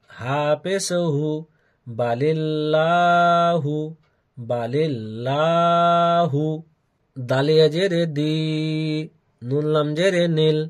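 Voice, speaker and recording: Male Quran teacher, fairly high voice, very slow and deliberate, spelling letters and chanting words in repeated drawn-out recitation. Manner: drawn-out chanted recitation of each word, repeated three times.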